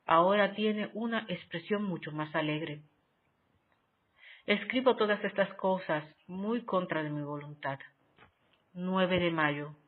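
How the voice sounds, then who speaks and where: A narrator reading a spiritual diary aloud in a measured, solemn, devotional way with long pauses. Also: medium pitch. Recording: tinny phone-like sound.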